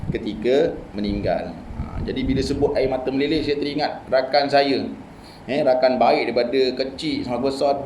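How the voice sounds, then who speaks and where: A man's voice: medium pitch, darkish tone, reverberant, slight background noise, low-quality recording. A male religious teacher with a Malaysian Malay accent giving a study-circle lecture in a mosque. He teaches in a conversational way, with many "ha" and "eh" asides. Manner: conversational teaching with frequent "ha" and "eh" interjections. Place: mosque prayer hall.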